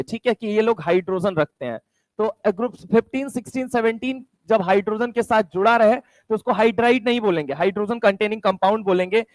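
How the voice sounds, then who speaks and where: A man's voice: very high voice, no echo. Guy teaching chem in a mix, asks stuff then answers it, says over and over, dry close sound. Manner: asks and answers his own questions, repeats key terms; calls listeners "my brother". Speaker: chemistry teacher. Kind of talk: classroom lecture.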